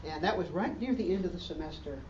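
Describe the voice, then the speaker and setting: A man's voice: high voice, animated, fast talker, darkish tone, lo-fi sound, slight background noise. A man preaching a sermon as pastor, in an earnest way, with emphatic rising questions, recorded from a distance in a church hall.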